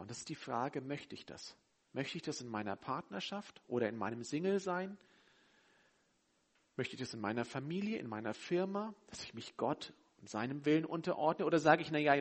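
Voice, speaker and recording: A man preaching a sermon, emphatic and direct, swinging between loud urgency and quiet intensity. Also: a little high, breathy edge.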